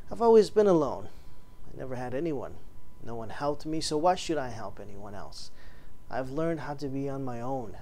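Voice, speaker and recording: A man's voice: a little high, darkish tone, natural voice. A man playing an arrogant, lonely rich man. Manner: proud, cold, brooding.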